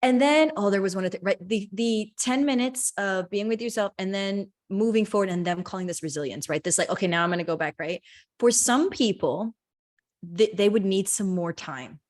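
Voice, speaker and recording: A woman's voice: medium pitch, moderate pace. Reflective woman host who keeps asking "right?". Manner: affirming, reflective, frequent "right?" tags. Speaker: podcast host. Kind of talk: reflective interview conversation.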